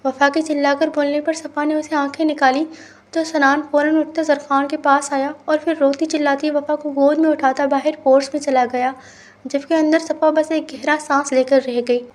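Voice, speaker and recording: A woman's voice: high-pitched, little pitch movement, normal speed. A woman reading a romance novel aloud as storybook narration, voicing every character in much the same voice. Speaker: novel reader.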